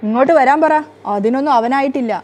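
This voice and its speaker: A woman's voice: high-pitched, fast talker, darkish tone, natural voice. A worried old grandmother, read by a woman. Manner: pleading, cautioning.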